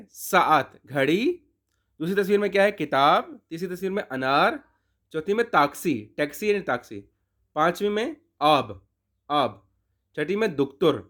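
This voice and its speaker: A man teaching a beginner language lesson from a textbook, slowly drilling phrases and repeating words for practice. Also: high voice, fairly bright tone.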